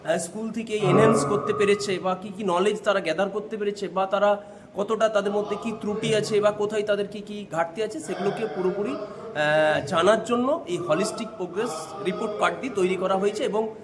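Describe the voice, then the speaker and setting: High-voiced man explaining with hesitations. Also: steady tone, fairly quick, a crowd in the background. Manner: explanatory, with frequent hesitant fillers. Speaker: school teacher interviewed. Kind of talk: on-site news interview answers. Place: school during a training event.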